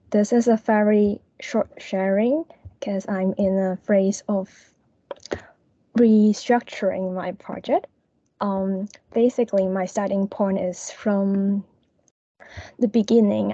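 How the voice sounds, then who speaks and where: Young woman, soft and breathy, flat mellow delivery, dull lo-fi video-call audio from a screen recording. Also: medium pitch, dry recording. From Hong Kong. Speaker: student presenter. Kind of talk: online class presentation.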